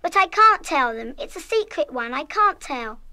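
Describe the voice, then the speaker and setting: A woman's voice: high voice, sing-song, normal speed, pushed and bright, heavily acted. An actress playing an impulsive, good-hearted schoolgirl of about eleven in a children's radio play, with an eager, emphatic delivery. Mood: flustered, pleading. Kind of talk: 1970s full-cast children's radio play acting.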